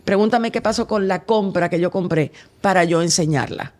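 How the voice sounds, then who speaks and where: A man's voice: high voice, moderate pace. A man who is a pastor, talking emphatically in conversation and asking rhetorical questions like a preacher.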